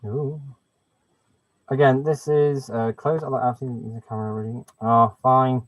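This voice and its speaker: On a live stream, a man chats casually and thinks out loud as he fiddles with settings, speaking at a normal speed with a steady, medium-pitched voice. His webcam mic makes him sound muffled and hollow, as if he were talking through a pipe, and the recording is dull and dry.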